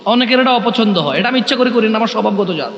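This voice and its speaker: A man preaching a sermon at a large gathering, loud and restless, speaking through a microphone. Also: high-pitched, lively intonation, racing, lo-fi sound. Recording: echoey hall with long reverb.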